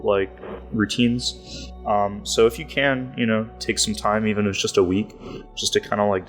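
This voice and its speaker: Low monotone guy on a podcast, says like constantly, kinda rambly. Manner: rambling, heavy use of "like" fillers. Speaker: podcast guest. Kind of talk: casual interview talk.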